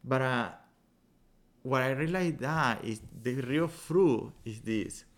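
A Venezuelan yoga teacher, appearing as a guest on a casual podcast, speaks English with a Venezuelan Spanish accent. His voice is medium in pitch, and he explains his ideas earnestly in halting English, restarting often.

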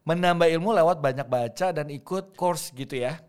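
A man's voice: a little high, normal speed, smooth. Man hosting a chatty podcast. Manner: friendly, prompting, with lots of "hmm" and "ya". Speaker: podcast host. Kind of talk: casual podcast interview.

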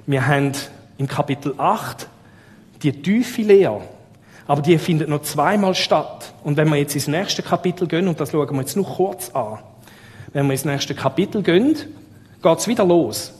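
A man's voice: fairly high pitch, lively intonation, moderate pace, a little mellow. A man preaching a sermon with a Swiss German accent, talking conversationally and asking his listeners rhetorical questions. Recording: long reverb of a large hall.

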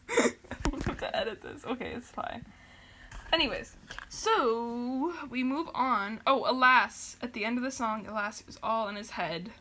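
A young woman hosts a podcast, recapping a show in loose, rambling chat full of fillers and small giggles. Her voice is bright and a little high. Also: a little slow, a little hiss or hum. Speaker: podcast host.

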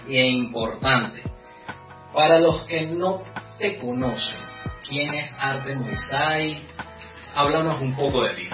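A man's voice: a little high, takes it slowly. A man hosting a casual podcast chat, upbeat and laughing easily. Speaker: podcast host. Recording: echoey room, distant lo-fi mic, music.

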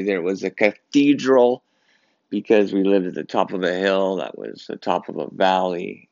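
A young Canadian man with braces hosts his own podcast, rambling casually through a story in a solo monologue. His voice is low with vocal fry, and the lo-fi recording has no echo.

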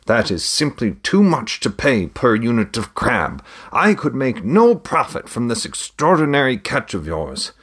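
A man's voice: mid-range voice, huge pitch swings, a little slow, hardly any pauses, fairly bright tone, husky, pitched above the performer's own voice, heavily acted. A man voicing a shrewd older merchant who haggles with theatrical flair in a read-aloud story. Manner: theatrical, bargaining.

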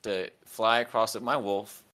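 A man's voice: fairly low pitch, fairly even intonation, a little slow, pushed and bright. A man playing a tabletop game and explaining his moves in casual chat.

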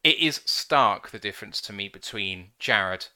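A man hosting a live-streamed sports podcast in a relaxed way, thanking viewers and giving his view. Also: lowish voice, measured pace, clean tone. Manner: relaxed, reads out viewer comments. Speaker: podcast host.

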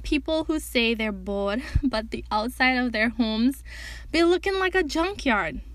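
A young woman hosts her own podcast in a loose, chatty way, teasing and bossing her listeners with a laugh. Her voice sits high, and the sound is close and dry with no room echo. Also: expressive, unhurried, a bit bright. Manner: chatty, joking and bossy. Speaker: podcast host. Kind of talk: casual solo podcast talk.

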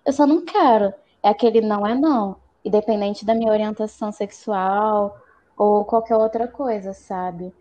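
A young woman with a Brazilian Portuguese accent, chatting earnestly and lively as a guest on a casual panel. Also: mid-range voice. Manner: earnest, lively, drawn-out phrases.

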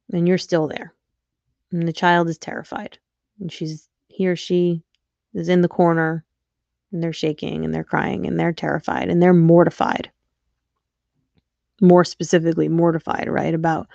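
A woman's voice: lowish voice, vocal fry, darkish tone, no room sound, highs cut off. A young adult woman hosting a podcast as a coach, speaking frankly in a casual reflective monologue and swearing now and then. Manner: frank and candid, occasional swearing.

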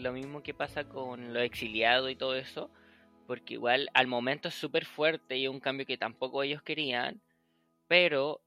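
A man's voice: medium pitch, bright, forceful tone, no echo. A man hosting a casual podcast, rambling through his thoughts with lots of fillers and the odd English word. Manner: rambling, heavy use of fillers like "o sea" and "eh"; mixes in English words. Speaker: podcast host.

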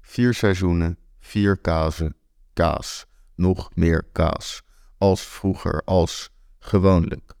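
A young man reading a first-person story aloud with wry, deadpan delivery. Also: sits low, slow, vocal fry, clean tone, dry recording, studio quality. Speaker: narrator.

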